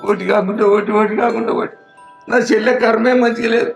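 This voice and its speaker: A man's voice: high-pitched, little pitch movement, fast, creaky, over music. An actor playing an anxious village brother who consoles his sister in a pleading way, with a Telangana accent. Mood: consoling. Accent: Telangana Telugu.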